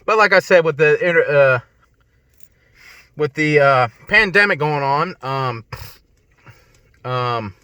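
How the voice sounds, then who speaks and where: A man's voice: a little high, lively intonation, slow, long pauses, bright, forceful tone, smooth, no room sound. A man talking casually about stock picks from inside a car, rambling and restarting often while sounding congested. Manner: rambling, frequent restarts and "but anyway". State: congested, clearing throat. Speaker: stock-picking video host. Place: in a car on a windy day.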